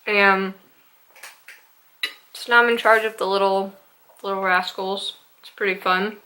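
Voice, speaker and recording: A woman's voice: medium pitch, steady tone, a little slow, sharp tone, a little hiss or hum, poor audio. A young woman vlogging at home in a casual eating-show chat, hesitant and rambling with lots of ums and likes. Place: home room with a Christmas tree.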